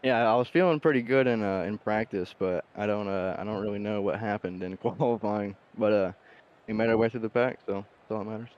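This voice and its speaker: A man with a lowish voice answers post-race questions haltingly, stopping and restarting as he talks. The sound is dull and lo-fi, like a voice chat line. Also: steady tone. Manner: hesitant, many uhs and restarts. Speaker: sim racing driver being interviewed.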